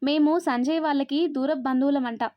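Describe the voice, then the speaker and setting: A woman's voice: high voice, fairly even intonation, moderate pace, no echo, close to an everyday voice. A woman storyteller voicing a cheerful, frank young woman who talks in a chatty, direct way. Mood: friendly. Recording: dry, slightly dull recording.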